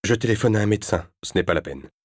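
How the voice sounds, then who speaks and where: A man's voice: lowish voice, expressive, quick pace, pitched above the performer's own voice. A man reading an audiobook, voicing a polite, formal hotel hostess in a raised voice. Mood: courteous. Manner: courteous, formal.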